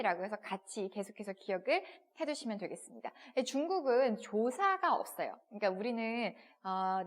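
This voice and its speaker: Lively-voiced woman teaching a language lesson. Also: mid-range voice. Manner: explains step by step, asks rhetorical questions; models pronunciations in short repeated syllables. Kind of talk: textbook video lesson.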